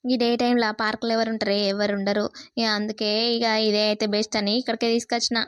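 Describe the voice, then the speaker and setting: A woman voicing a cheerful, boastful young male lover, in quick, teasing talk. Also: on the high side, little pitch movement, dry recording, clean studio sound, close to an everyday voice.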